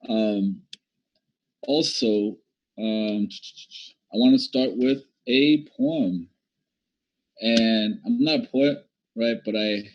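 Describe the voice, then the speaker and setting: A man from Puerto Rico and the Dominican Republic gives a talk on a video call in a relaxed, chatty way. His voice sits low, and the call audio is dull and lo-fi. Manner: relaxed and chatty, with frequent fillers. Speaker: guest presenter. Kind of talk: casual presentation on a video call.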